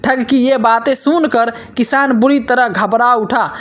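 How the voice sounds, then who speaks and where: A woman reading a folk tale aloud in a steady, plain storytelling manner. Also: a little high, measured pace. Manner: steady, plain reading with quoted dialogue read in. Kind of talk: scripted story narration.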